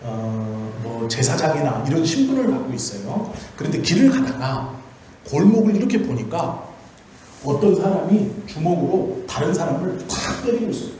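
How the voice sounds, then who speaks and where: A man's voice: on the high side, sing-song, moderate pace, warm tone, a little hiss or hum. A male pastor giving a Friday prayer sermon in a church, explaining by asking questions and then answering them himself. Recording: very echoey church hall.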